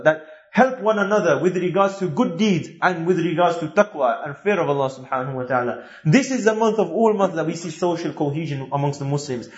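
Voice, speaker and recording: A man's voice: sits high, echoey room, highs cut off. A man preaching a sermon, telling a story earnestly and quoting Arabic verses.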